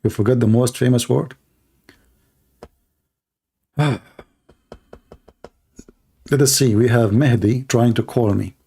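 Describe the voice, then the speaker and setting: A man's voice: medium pitch, takes it slowly, vocal fry, pauses often, dark tone, slightly rough. Male debate host, mid-range voice, sarcastic and pushy, interrupts freely. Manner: mocking, combative, interrupts and repeats questions. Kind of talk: confrontational live debate.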